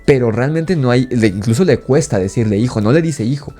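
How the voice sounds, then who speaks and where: Animated Mexican man reviewing films. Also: a little fast. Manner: enthusiastic, animated, rises in pitch when indignant. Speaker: film reviewer. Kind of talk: casual film review.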